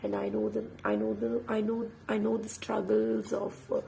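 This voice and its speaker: Late at night, an English instructor whose first language is Tamil half-whispers from a book, hushed and breathy because a sore throat has nearly taken her voice. She reads at medium pitch in a monotone at moderate pace, with a little hiss or hum in the background.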